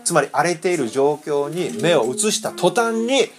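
A man giving a lively Bible lesson, acting out voices and quizzing his listeners. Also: a little high, normal speed. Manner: animated, acts out voices, quizzes the audience. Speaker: pastor teaching children.

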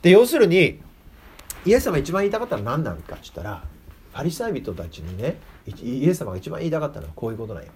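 Chatty preacher. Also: male voice, on the high side, big pitch swings, rapid-fire, darkish tone, breathy edge. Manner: chatty, asks the audience questions. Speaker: preacher teaching children. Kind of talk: casual children's sermon.

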